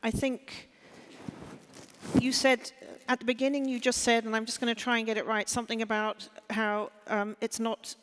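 A woman on stage in a large hall speaks on a panel, thinking aloud, restarting sentences, and checking she's understood. Her voice is a little high and a bit bright, with little pitch movement and normal speed. Hall reverb and slight background noise are present.

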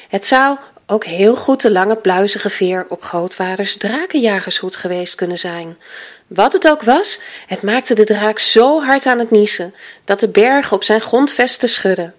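A woman reading a children's picture book aloud in a lively, expressive way. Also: mid-range voice, unhurried. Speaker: storyteller.

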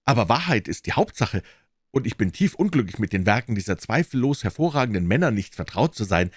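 A man's voice: fairly low pitch, sing-song, a little fast, husky, no room sound, clean studio sound, pitched below the performer's own voice. A man voicing a polite, bewildered young male visitor who speaks hesitantly and deferentially.

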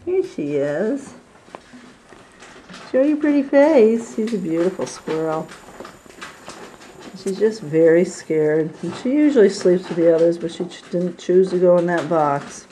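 A woman who rehabilitates squirrels, chatting gently on a casual video tour of an indoor room full of cages, recorded on a handheld camera mic. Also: on the low side, expressive, unhurried, pauses often, slight background noise, poor audio. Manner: gentle, chatty, coos at animals.

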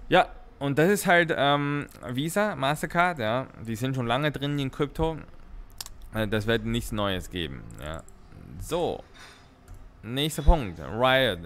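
A man's voice: mid-range voice, fairly bright tone, a little hiss or hum. A man giving casual news commentary as a streamer, rambling with many fillers, restarts and tag questions.

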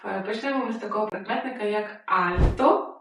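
A woman gives a language lesson, saying each example twice, slowly and clearly. Her voice rings in a very echoey room. She sits back from the microphone. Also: mid-range voice, distant mic, noisy background. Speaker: Spanish teacher.

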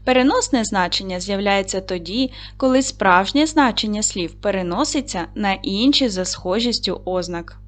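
A woman teacher leads a recorded lesson for young schoolchildren. She speaks clearly and patiently, with an encouraging warmth toward the class. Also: mid-range voice, animated, moderate pace, hardly any pauses. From Ukraine. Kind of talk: video lesson for second graders.

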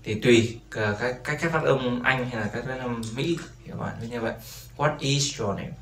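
Patiently repeating each word and checking "right?" again and again, a man teaches English to beginners in a mid-range, fairly bright voice at a slightly fast pace. Faint background noise and a roomy echo fill the recording.

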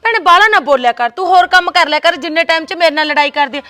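A woman with a Punjabi accent acting a sharp-tongued, quarrelsome village wife in a comedy short film. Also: very high-pitched, quick pace, soft background music. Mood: angry. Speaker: actor playing a quarrelsome wife.

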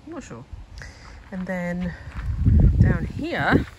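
Taking it slowly in a fairly low, sing-song voice, a woman walks around a garden building site filming a casual vlog about her home renovation. She chats and thinks aloud into her handheld phone camera amid very noisy surroundings.

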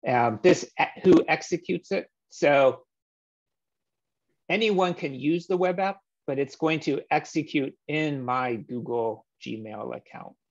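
A meetup presenter with a gravelly, rather high voice walks through code on a screen share, relaxed and explanatory with lots of "um" fillers. He's heard through a webcam or laptop mic on a video call. The audio is slightly dull.

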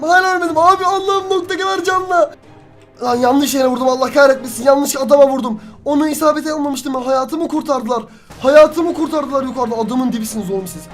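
An excitable young man commentates his own match as he plays it. He swears freely and yells at his teammates. Faint background music runs under his voice. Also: very high-pitched. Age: young adult. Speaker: gaming youtuber. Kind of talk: live gameplay commentary.

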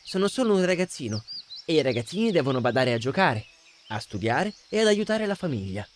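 A man's voice: fairly high pitch, sing-song, a little fast, slight background noise, pitched above the performer's own voice. A man voicing a nervous, cautious young boy who stammers defensively in an audiobook.

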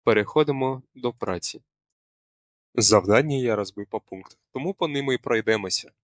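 A man's voice: mid-range voice, moderate pace, no room sound. A young male student presenting a scripted language lesson, explaining a word and quizzing viewers in a teacherly way. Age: young adult.

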